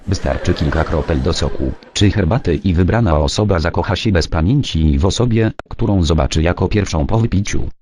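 A man's voice: low-pitched, a little fast, hardly any pauses, a little mellow, a little hiss or hum, natural voice. A man voicing a sly old female fortune teller with a coaxing, salesy manner. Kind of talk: amateur comedy voice acting.

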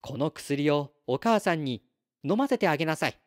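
A man voicing a polite, clever boy from a star in a storybook read-aloud, speaking formally and calmly. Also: fairly high pitch, normal speed, close to an everyday voice. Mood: earnest. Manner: formal, courteous, calm.

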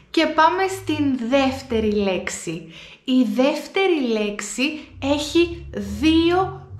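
Greek teacher, slow careful pronunciation. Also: female voice, high voice, echoey room. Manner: slow, deliberate word repetitions for learners. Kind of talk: pronunciation lesson to camera.

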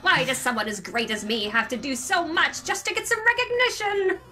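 Woman playing a shrill, shouty vain skeleton. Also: a little fast. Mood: scolding. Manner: shouty, pompous, dramatic. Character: loud, vain, overeager male skeleton. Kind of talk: fan voice-over of a video game.

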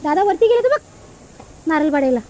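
Her voice is high, lively in intonation, fairly quick and a little mellow as she vlogs in a village yard under a coconut tree while minding a toddler. She's from the Bhiwandi area near Thane, India, speaks with an Agri Marathi accent, and coaxes the child in a sing-song way. Highs are cut off and there's slight background noise.

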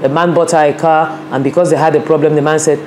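Speaking quickly in a low, darkish voice with fairly even intonation, a Nigerian woman in her 50s who advocates for women's rights shares her life story reflectively and earnestly, dotted with "you know." She sits at a desk in her office with a large window, filmed from across it, with slight background noise.

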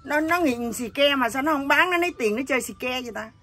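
A middle-aged woman speaks in a husky, gender-ambiguous voice that sits a little high. She talks bluntly and earthily, with lively storytelling. A faint background hiss sits under her voice. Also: fast talker. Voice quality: husky voice that sounds neither male nor female. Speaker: interviewee. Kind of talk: candid emotional chat.

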